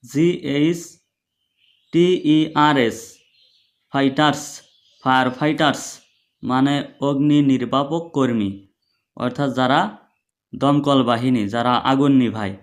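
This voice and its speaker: A man teaching English to Bengali speakers, spelling each word letter by letter and translating it into Bengali. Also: fairly high pitch. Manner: slow, spells words letter by letter, repeats syllables.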